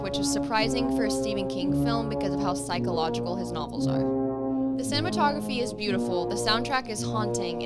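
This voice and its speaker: A teenage girl giving a movie review on a student news show, reading with a lively, upbeat delivery. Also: medium pitch. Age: teens.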